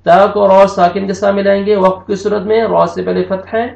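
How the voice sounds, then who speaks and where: A man's voice: sits high, level tone, moderate pace, gravelly, a little mellow, slight background noise. A man teaching a Quran recitation lesson, patiently explaining pronunciation rules step by step and spelling out each word. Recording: dull lo-fi sound, roomy echo.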